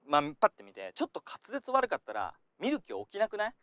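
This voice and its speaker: Animated high-voiced male acting coach. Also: fast talker, dry recording. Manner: lively, chatty, acts out examples. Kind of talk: casual talking-head lesson.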